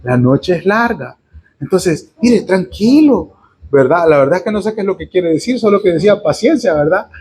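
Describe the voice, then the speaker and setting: A man's voice: high-pitched, animated, fairly quick, mellow, reverberant, rough recording. A man preaching a conversational sermon. He reads Bible verses aloud, explains them in a chatty way, keeps checking in with his listeners, and adds humorous asides. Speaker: pastor.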